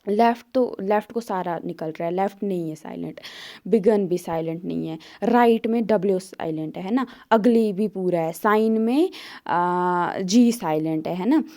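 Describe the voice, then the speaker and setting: Woman, teacher, Indian English accent, warm mellow tone, explains step by step, reads questions slowly. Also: medium pitch. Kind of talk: exam paper walkthrough lesson.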